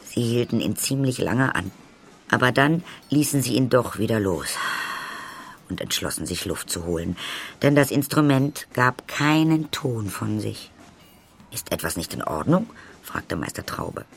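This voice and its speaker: A man narrating a children's audiobook in a lively way, speaking directly to the listeners. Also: medium pitch, measured pace, vocal fry, a little hiss or hum. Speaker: storyteller.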